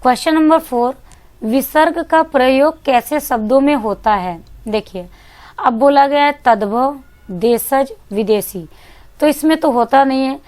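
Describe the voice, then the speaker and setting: High-voiced woman teaching an exam lesson. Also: a little slow, darkish tone. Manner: asks questions and answers them herself, repeats key points; mixes English words into Hindi.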